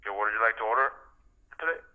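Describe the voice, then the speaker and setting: A man's voice: lowish voice, fast, background noise. A man taking a pizza order over a phone line, businesslike and patiently repeating his questions. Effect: heard over a phone line.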